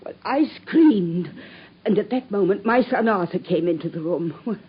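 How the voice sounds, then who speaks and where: Acting in a radio drama as a distressed, widowed middle-aged landlady and mother, a woman pleads anxiously and dissolves into tears. She speaks at medium pitch and moderate pace with lively intonation and a breathy edge, and the audio sounds dull.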